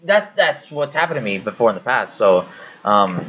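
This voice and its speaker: A man's voice: lowish voice, expressive, normal speed. Man, casual podcast chat, rambling and profane, muffled lo-fi sound, faint hiss. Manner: swears constantly, rambling storytelling. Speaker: podcast co-host. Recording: dull audio with faint hiss.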